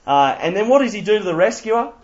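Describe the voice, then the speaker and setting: A man's voice: high-pitched, big pitch swings, quick pace. Australian man giving a playful church talk. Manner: quizzes audience, playful asides. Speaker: youth speaker. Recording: slightly muffled lo-fi recording.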